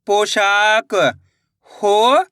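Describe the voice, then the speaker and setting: A man gives a reading lesson in a high, bright, smooth voice, sounding out each syllable before joining them into a word. He talks slowly and quizzes the listener. The sound is dry and close. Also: steady tone, no echo. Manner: sounds out syllables one by one, then blends them; repeats and asks the learner questions. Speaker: Hindi reading teacher. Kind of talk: slow spelled-out reading lesson.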